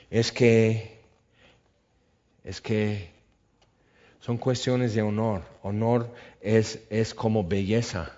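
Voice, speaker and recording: Man, sermon, acts out scenes, lowish voice, dull sound. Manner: animated, acts out biblical dialogue. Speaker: preacher.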